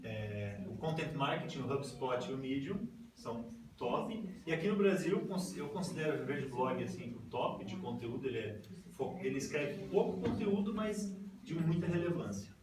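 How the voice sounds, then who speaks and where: Here a Brazilian man with a mid-range voice and wide pitch swings talks at a normal pace while a crowd murmurs behind him. He leads an informal slideshow for a group, going step by step and checking in with "tá?" in his Brazilian Portuguese accent. The audio is noisy, echoey, and picked up by a distant mic.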